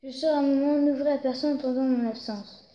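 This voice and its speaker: A woman voicing an exasperated mother locked out of her house, calling loudly to her children through the letterbox. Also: high voice, steady tone, moderate pace, muffled recording, lightly acted. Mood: instructing. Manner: pleading then scolding through a letterbox, loud and raised. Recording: roomy echo.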